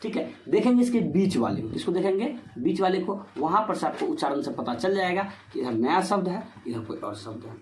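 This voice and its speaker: A man explains grammar rules for exam students in a lesson, his voice sitting high for a man. He keeps posing rhetorical questions and answering them himself. The room adds a clear echo, with a faint hiss underneath. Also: sing-song, brisk, few pauses. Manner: repetitive rhetorical questions, "ठीक है" fillers. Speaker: Hindi grammar teacher. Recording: echoey room with faint noise.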